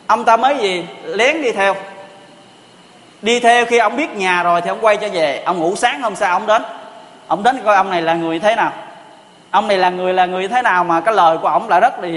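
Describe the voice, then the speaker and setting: A man's voice: high-pitched, fairly bright tone. A man giving a storytelling sermon, asking rhetorical questions and repeating pious exclamations. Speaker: preacher. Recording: long reverb of a hall.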